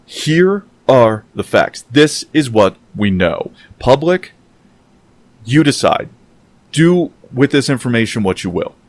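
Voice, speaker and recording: A man giving sarcastic, exasperated commentary as he reads a news article aloud, jumping between low muttering and sudden outbursts. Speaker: political commentary vlogger.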